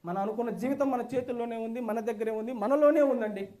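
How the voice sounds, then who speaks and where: Brief: man, high and fast, emphatic testimonial at a hotel seminar. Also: mellow. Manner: enthusiastic, repetitive, emphatic. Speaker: seminar participant giving a testimonial. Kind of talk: standing testimonial speech to a class. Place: hotel meeting hall.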